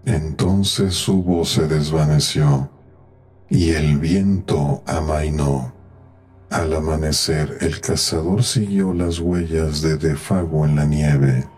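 A man reading a horror tale aloud in a slow, grave storytelling manner. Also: very deep voice, darkish tone, breathy edge. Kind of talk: scripted horror narration. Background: faint eerie background music.

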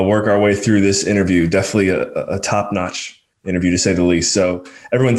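A man's voice: low-pitched, a little mellow. A man hosting a podcast, signing off in a polished, upbeat presenter style. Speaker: podcast host.

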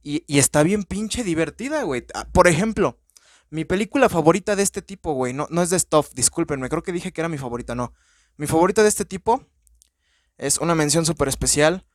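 A man with a Mexican accent hosting a podcast, rambling through a casual, profane, excitable movie-review monologue. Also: a little high, a little fast, no echo, studio quality. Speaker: podcast host.

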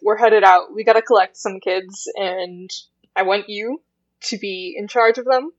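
A woman's voice: medium pitch, steady tone, unhurried, no echo. Dry woman player on a dull mic. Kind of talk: casual tabletop play.

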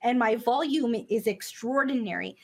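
A woman's voice: fairly high pitch, normal speed, creaky. A young woman chatting casually on a stream and telling anecdotes.

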